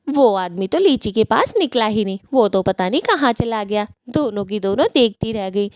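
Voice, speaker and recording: Lady telling a cartoon story, steady and plain, dry close sound. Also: mid-range voice, moderate pace, no room sound. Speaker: narrator. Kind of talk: storytelling narration.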